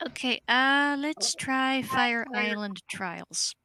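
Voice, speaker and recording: A woman's voice: on the high side, takes it slowly, bright, forceful tone. A woman playing in an online quiz game on a voice call, hesitant and often starting with filler sounds. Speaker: quiz contestant. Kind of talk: casual chat on a voice call.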